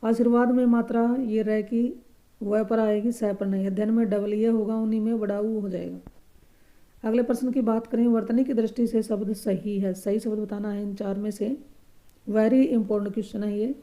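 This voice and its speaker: A woman with a steady, mid-range voice teaches a grammar lesson for exam preparation. She patiently explains the answers, repeating each correct word slowly and softly.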